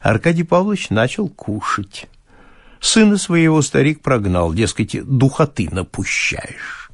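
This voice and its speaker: A man reading a classic story aloud as an audiobook narrator, expressive and theatrical. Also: mid-range voice, measured pace, dry recording, studio quality. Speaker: audiobook reader.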